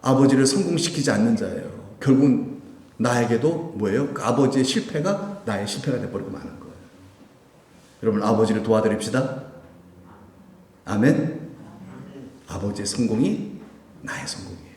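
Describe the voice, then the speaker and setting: A man's voice: medium pitch, expressive, normal speed, long pauses, a little mellow. A man preaching a Sunday sermon, putting questions to the congregation as he goes. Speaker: pastor. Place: church sanctuary. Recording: echoey church hall with long reverb.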